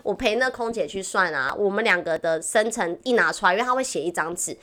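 A woman's voice: medium pitch, quick pace. A young woman, telling a story to her co-host in a casual chat and often breaking into laughter. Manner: animated storytelling, frequent laughter. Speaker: podcast co-host.

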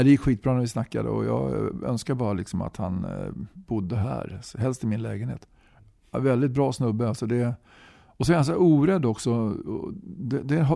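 With a medium-pitched, creaky, dark voice, this talkative interview guest in his sixties keeps adding a questioning "va?" to his sentences. He's a musician and movement leader in a casual conversational interview, captured in studio quality without echo.

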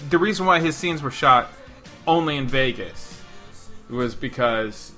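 A man co-hosting a casual movie discussion in a halting, rambling way. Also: medium pitch, lively intonation, bright, forceful tone, faint music behind. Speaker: podcast co-host.

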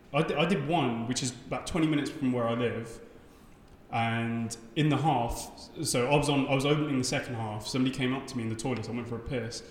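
A young man who is a stand-up comedian, telling stories in a lively, casual chat and swearing freely. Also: medium pitch. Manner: animated storyteller, swears freely. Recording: echoey room with long reverb.

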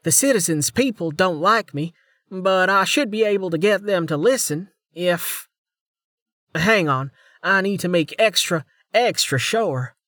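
A man voicing a nervous young woman police officer who reads truth, high and stammering. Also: animated, measured pace, bright, forceful tone, no room sound, studio quality, full character voice. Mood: shaken.

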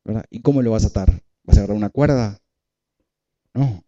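A man's voice: fairly low pitch, a little fast, dark tone, lo-fi sound. Man preaching with emphatic repetition. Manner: emphatic preaching, repeats phrases, asks the congregation questions. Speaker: pastor. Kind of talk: sermon.

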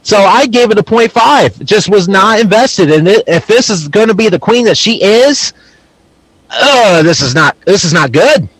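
A man's voice: high-pitched, expressive, normal speed, fairly bright tone, husky, no room sound, low-quality recording. A man co-hosting a podcast, giving blunt opinions in casual wrestling chat. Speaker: podcast co-host.

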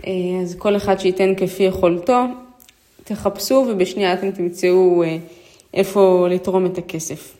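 A woman vlogger with an Israeli accent speaks in a lowish, steady, warm voice. She tells personal stories and appeals to listeners informally and hesitantly, repeating phrases for emphasis.

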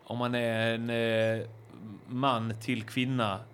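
A man's voice: mid-range voice, little pitch movement, a bit bright, a little hiss or hum. A man co-hosting a call-in podcast, cracking crude jokes and teasing in casual chat. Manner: joking, teasing. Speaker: podcast co-host.

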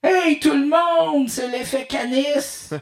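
A man's voice: very high voice, takes it slowly, vocal fry, roomy sound. A man with a Quebec French accent, playfully clowning as he talks through a pedal effect that makes his voice sound like it comes from inside a metal can or tube. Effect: voice run through a pedal to sound like talking inside a metal can or tube. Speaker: musician demonstrating a vocal effects pedal. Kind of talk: casual chat.

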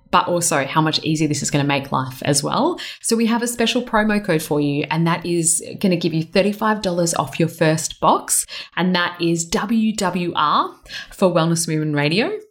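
A woman's voice: low-pitched, a bit bright. A woman with an Australian accent giving an informal, conversational sponsor read as a podcast host.

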